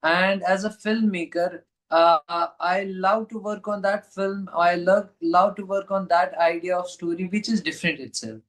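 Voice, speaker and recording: A man with a Kashmiri accent speaks as an interview guest. His voice sits a little high for a man. He is earnest, reaching for phrases in halting non-native English and often repeating them. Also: steady tone, a bit bright. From Kashmir, India. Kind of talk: interview conversation.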